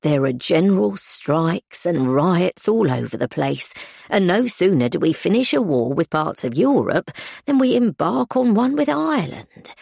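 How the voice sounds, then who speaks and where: A woman voicing a stern, sensible housekeeper who talks in a proper, measured, gently corrective way. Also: lowish voice, sing-song, vocal fry, husky, dry recording, clean studio sound, full character voice. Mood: firm, sensible. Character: stern middle-aged housekeeper, prim and sensible.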